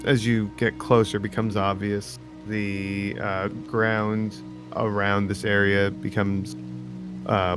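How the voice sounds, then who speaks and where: A man with a fairly low voice narrates a tabletop scene as game master, taking his time and filling pauses with "uh" and "um". Clear music plays under him. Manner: slow, descriptive, with many fillers. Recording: background music.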